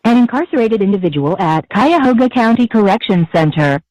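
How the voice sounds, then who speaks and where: An automated collect-call prompt on a jail payphone call, reading out fees and phone numbers in a measured, formal way. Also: medium pitch, expressive, darkish tone, dry recording, highs cut off. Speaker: recorded collect-call announcement. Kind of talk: formal scripted announcement.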